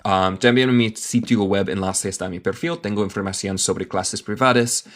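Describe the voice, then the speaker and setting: An American man from Michigan teaching English in Spanish on a live online lesson. He reads phrases slowly and answers viewer questions in a relaxed way. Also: fairly low pitch. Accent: American English speaker talking Spanish. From Michigan, USA. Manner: slow deliberate read-aloud.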